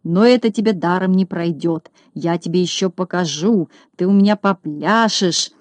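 A woman voicing a furious bald male shorty landowner, shouting and screeching threats. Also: lowish voice, moderate pace, dry recording, natural voice. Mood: shrill rage.

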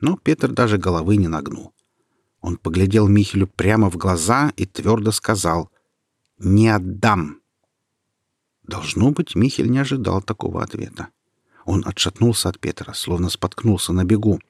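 A man reads a fairy tale aloud with steady, expressive narration. His voice is husky and low-pitched. The recording is dry and close. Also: moderate pace, no echo. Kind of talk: storybook reading.

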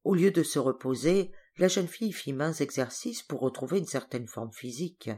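A woman's voice: deep voice, expressive, normal speed, warm tone, breathy edge. Woman reading an audiobook aloud. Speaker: audiobook reader. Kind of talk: scripted narration.

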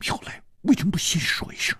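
A man's voice: fast, sharp tone, no room sound, clean studio sound, natural voice. A man putting on a shy, coy young village woman. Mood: coy, flustered. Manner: breathy, half-whispered, coy.

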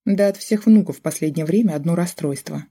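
An audiobook narrator voicing an indignant, scolding middle-aged mother, with a raised and exasperated delivery and a mellow tone. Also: medium pitch, a little fast, breathy edge.

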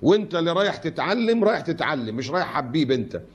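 A man's voice: on the high side, big pitch swings, very fast, husky. A man with an Egyptian Arabic accent preaching a colloquial sermon, scolding and mocking with rhetorical questions.

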